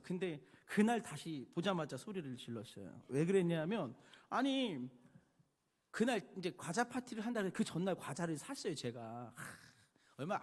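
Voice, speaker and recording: A male pastor giving a sermon, telling personal stories with animated swings between hushed and loud delivery. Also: sits high. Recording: long hall reverb.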